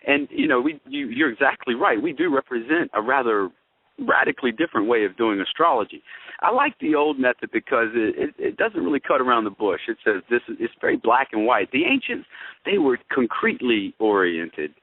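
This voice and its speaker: Here the astrologer co-host sounds medium-pitched and sing-song, talking a little fast over dry, tinny radio-show audio that feels phone-like. His explanations are folksy and conversational, and he keeps addressing listeners with tag questions.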